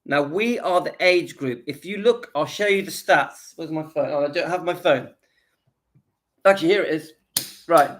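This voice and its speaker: A man's voice: a little high, moderate pace, a bit bright. A man in his fifties vlogging from home, earnestly rallying his viewers and repeating his points for emphasis. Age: 50s. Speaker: channel host. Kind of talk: casual direct-to-camera vlog.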